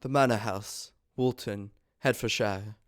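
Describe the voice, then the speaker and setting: A man reading an earnest, easily irritated young English gentleman in a stage comedy, speaking formally. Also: fairly low pitch, fairly even intonation, measured pace, no echo, clean studio sound, lightly acted. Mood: devoted, polite.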